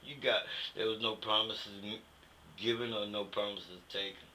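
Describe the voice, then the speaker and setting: Being interviewed about his past, this older Vietnam veteran from the United States talks at a moderate pace in a fairly low, steady voice with a sharp edge. He's blunt, colloquial and emphatic, sprinkling in "you know," and the poor audio carries a faint background hiss.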